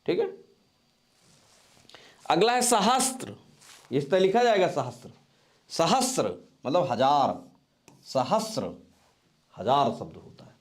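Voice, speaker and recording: A man teaching spelling for exam preparation, slowly repeating each word several times as he writes it out. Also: on the high side. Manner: dictation-like drilling of correct spellings. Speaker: Hindi grammar teacher. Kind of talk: exam-prep board lesson.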